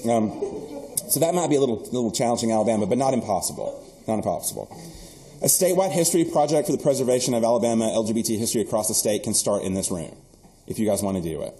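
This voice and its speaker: A man from the US South, an archivist giving an animated, earnest keynote lecture with joking asides in a university hall. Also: lowish voice.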